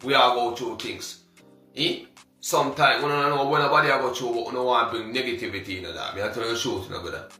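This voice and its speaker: An emphatic Jamaican man rants defiantly and keeps calling the listener brother. His voice is bright and forceful. He sounds roomy and set back from the mic. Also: mid-range voice, fast, far from the mic, faint music behind. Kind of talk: defiant social media rant.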